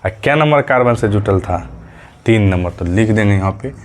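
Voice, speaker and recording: A man's voice: on the low side, animated, brisk, a little hiss or hum. A male chemistry teacher giving a medium lesson, patiently repeating key terms as questions and counting aloud step by step, with a light tinge. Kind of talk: classroom lesson.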